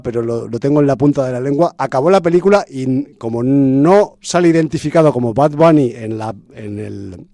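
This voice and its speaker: A man's voice: medium pitch, a little mellow, dry recording, studio quality. A man from chatting casually about a film's cast as a podcast host, full of fillers and restarts. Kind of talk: casual film review chat.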